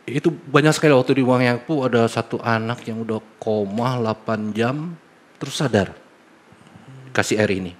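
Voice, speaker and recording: A middle-aged man, a guest in a casual interview, telling stories animatedly and acting out the dialogue. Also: moderate pace. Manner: animated, acts out dialogue with a lively, swinging pitch. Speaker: guest giving product testimony.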